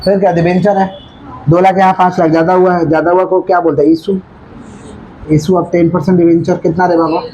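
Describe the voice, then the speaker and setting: A male commerce teacher giving a classroom lecture, asking the class again and again if they follow, and slowing right down to dictate. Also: sits high, level tone, dark tone, lo-fi sound, slight background noise. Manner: repeatedly checks understanding with questions; dictates slowly, then rattles off explanations.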